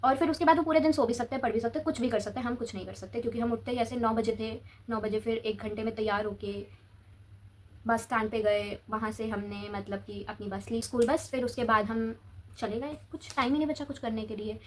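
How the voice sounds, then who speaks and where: A teenage girl chats through a long school story while she applies a face pack. She talks casually to her viewers in a slightly high voice. A faint background noise runs under the recording. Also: steady tone, a little fast. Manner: chatty, says "bhai" often, talks while applying a face pack. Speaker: vlogger.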